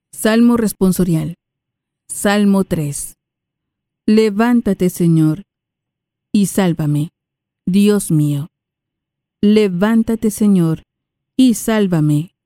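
A woman reading prayers, scripture and a psalm aloud in a measured, reverent way. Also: medium pitch, dark tone, no room sound, clean studio sound. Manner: measured, reverent, unhurried phrasing. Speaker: liturgical reader. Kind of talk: slow solemn scripture reading.

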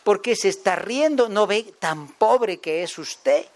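A preacher doing a bitter old grump with a Guatemalan accent. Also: male voice, high voice, lively intonation, slow. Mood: scolding. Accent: Guatemalan Spanish. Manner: scolding, mocking. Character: bitter, sour older man scolding a poor man.

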